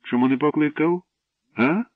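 A man's voice: fairly high pitch, normal speed, no room sound, recorded from a distance, voice pushed up, natural voice. A man reading aloud, voicing a curious, sly village girl who keeps asking questions. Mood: eager. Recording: dry tinny radio broadcast.

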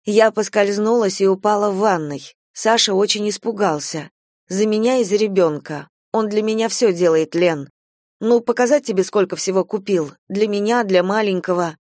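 A woman's voice: medium pitch, normal speed, a little mellow, dry recording, studio quality, pitched above the performer's own voice, lightly acted. A woman reading an audiobook, voicing a young pregnant wife who defends her husband in a raised, pleading voice.

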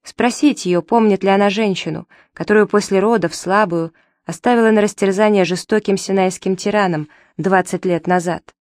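A woman's voice: mid-range voice, moderate pace, a little mellow, no room sound, studio quality, close to an everyday voice. A woman reading the part of a wronged mother who accuses her betrayer with anguish. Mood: accusing.

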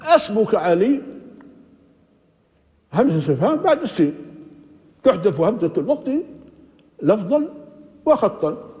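Older sheikh lecturing in an echoing hall. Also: male voice, high-pitched, sing-song, measured pace, pauses often, warm tone. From Libya. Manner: patient, repeats words while thinking, asks and answers his own questions. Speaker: sheikh teaching Quranic exegesis. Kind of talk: classroom lecture on grammar. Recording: dull lo-fi recording with long hall reverb.

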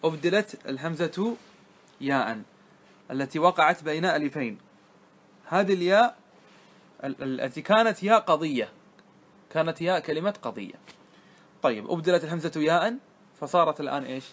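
On the high side and expressive, with a fairly bright tone, a man leads a classroom grammar lesson. He frequently asks his students questions to make sure they're following, and he stretches words out slowly to spell out their forms.

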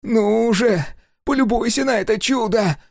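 A man's voice: sits high, moderate pace, creaky, dry recording, studio quality, pitched above the performer's own voice. A man voicing an anxious young female fighter who talks urgently. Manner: urgent, pressing.

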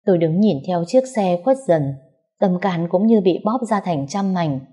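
A woman's voice: on the low side, expressive, normal speed, mellow, soft background music. A woman narrating a first-person story in an earnest, emotional way. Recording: dull lo-fi recording.

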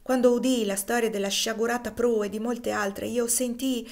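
A woman voicing a frail, gentle, fevered young girl in an audiobook reading, soft and earnest. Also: on the high side, fairly even intonation, normal speed, natural voice.

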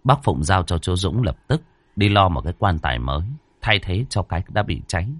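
Expressive low-voiced male storyteller. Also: a little fast, dry recording. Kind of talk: ghost story narration.

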